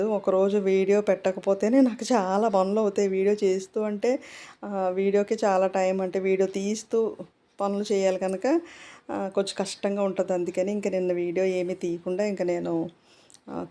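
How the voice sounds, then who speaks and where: Middle-aged woman, casual home vlogger, rambling chat, mellow voice. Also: medium pitch. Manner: talkative, rambling, many fillers.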